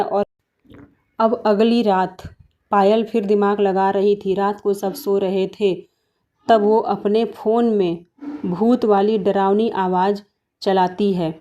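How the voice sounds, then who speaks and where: A woman narrating a cartoon story in a plain, easy storytelling manner. Her voice is mellow and dark-toned, at a middle pitch.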